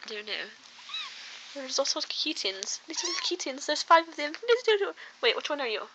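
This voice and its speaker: A woman's voice: high voice, lively intonation, moderate pace. A teenage girl chatting to her webcam in a bubbly, rambling, playful way at a friend's house. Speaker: vlogger. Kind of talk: casual vlog chat to camera. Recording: noisy home recording.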